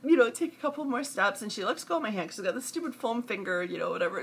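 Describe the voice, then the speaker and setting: A woman's voice: mid-range voice, fast, a little hiss or hum. A mother telling a personal story casually, often breaking into laughter. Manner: breaks into laughter, giggly and animated.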